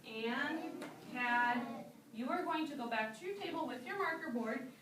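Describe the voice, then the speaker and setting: High-pitched woman teacher leading little kids through words, stretches them out, echoey classroom from far off, noisy. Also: expressive. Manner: slow, drawn-out modeling of words. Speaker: kindergarten teacher. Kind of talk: classroom teaching to young children.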